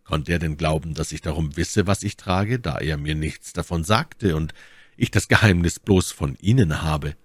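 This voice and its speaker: A man's voice: no echo, studio quality. A man voicing a grim, resolute young officer. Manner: somber, low and measured. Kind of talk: audiobook reading.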